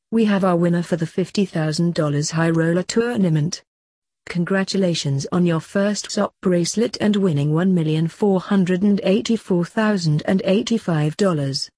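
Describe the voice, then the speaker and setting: A woman narrates a written article in a formal manner, sticking closely to the script. Her voice sits a little low, with a dark, soft tone and a husky edge. The recording is dry and close, with no room sound. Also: dry recording. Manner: formal, reading verbatim.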